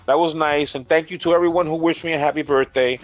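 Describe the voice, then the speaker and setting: A man's voice: fairly high pitch, fairly even intonation, fast talker, no echo, faint music behind. A man in his fifties co-hosting a gaming podcast, teasing and exasperated in banter and explaining the news. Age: 50s. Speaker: podcast co-host.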